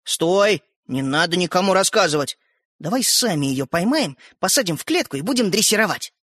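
A man voicing an excitable, bossy young boy in a storybook reading, insistent and breathless. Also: sits high, normal speed, no echo, clean studio sound, heavily acted. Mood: excited. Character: excitable boy, eager schemer.

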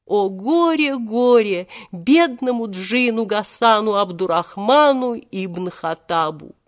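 A woman's voice: mid-range voice, expressive, slow. A woman voicing an ancient male genie who is servile and flustered, wailing in a pompous tone.

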